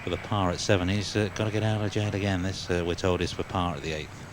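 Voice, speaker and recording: A man's voice: deep voice, steady tone, fast, background noise. A man working as a golf commentator, calling a tournament live.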